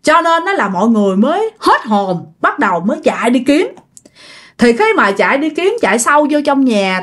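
A woman with a Southern Vietnamese accent telling a ghost story casually, acting out the characters' voices. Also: fairly high pitch. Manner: lively, acts out the characters' voices.

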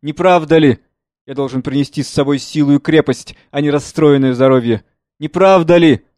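A man's voice: a little high, moderate pace, darkish tone, no room sound, studio quality, natural voice. A man reading a play aloud, voicing an aging writer and father in an impassioned, declamatory way. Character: aging man, a famous writer, anguished and earnest.

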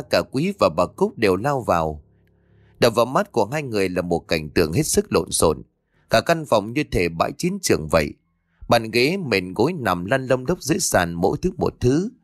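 Expressive male horror-story narrator. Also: lowish voice, no echo. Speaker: audiobook narrator. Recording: dry close studio read, faint music.

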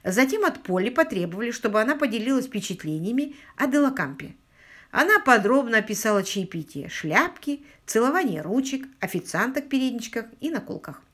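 Expressive woman audiobook narrator. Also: on the high side, a little fast. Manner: expressive storytelling. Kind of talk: scripted narration.

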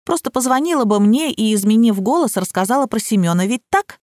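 A woman narrating a first-person detective novel as an audiobook in a steady, even storytelling manner. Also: fairly high pitch, a little fast, dry recording, studio quality.

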